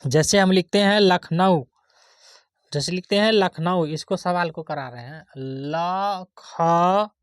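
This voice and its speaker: Slow and clean-toned, a woman with a fairly low voice teaches spelling as if in a classroom. Words are sounded out one letter at a time, and she asks questions to check that the pupils are with her. The audio has no echo.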